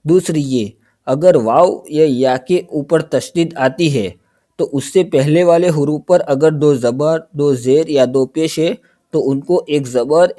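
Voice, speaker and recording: Mellow-voiced man introducing a lesson. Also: a little high. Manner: lays out the lesson's two rules step by step before handing over. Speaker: lesson presenter.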